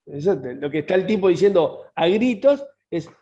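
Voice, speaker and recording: A man's voice: sits high, lively intonation, moderate pace, warm tone. A man, co-hosting a casual podcast and reasoning through his points step by step. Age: 50s. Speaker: podcast co-host. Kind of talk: casual conversation. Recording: dull lo-fi sound.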